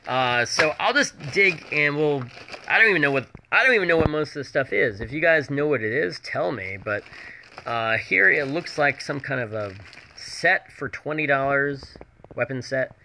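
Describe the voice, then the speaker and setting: A man with a very bright, forward voice works as a home shopping host. He shows items one by one in a loose, hesitant, off-the-cuff ramble. There is faint noise behind him, with small clicks. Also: lively intonation, normal speed, low-quality recording. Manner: rambling, hesitant item-by-item pitch with prices. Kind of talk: home shopping host presentation, casual and unscripted.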